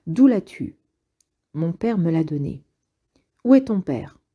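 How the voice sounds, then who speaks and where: A woman voicing a loud, quarrelsome old male partisan with a husky voice, in an audiobook reading. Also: lowish voice, very animated, takes it slowly, heavily acted. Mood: excited, indignant. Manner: exclaiming, quarrelsome, grandiose.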